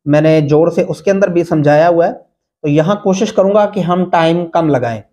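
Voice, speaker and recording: In a fairly high, mellow voice, a man teaches Quran reading with slow, patient drills. He spells out the letters and vowel marks one by one and sings the recited words long and drawn out.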